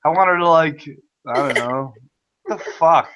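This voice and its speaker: A man hosting a casual online video chat, talking loudly and excitably, with frequent swearing. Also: a little high, unhurried, muffled recording, over a noisy crowd. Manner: loud, profane, excitable. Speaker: host.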